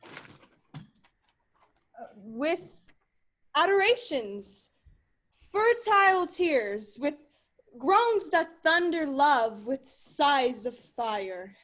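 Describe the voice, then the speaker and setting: A woman's voice: sits high, big pitch swings, very slow, long pauses, fairly bright tone, full character voice. A woman acting a young woman disguised as a page, speaking Shakespearean verse with earnest passion. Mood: impassioned. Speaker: actor.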